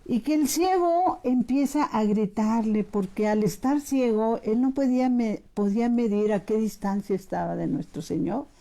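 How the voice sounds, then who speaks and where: A middle-aged woman telling a faith testimony to her listeners, addressing them as brothers and shifting between lively rising emphasis and hushed, near-whispered passages. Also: medium pitch. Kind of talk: testimony sermon.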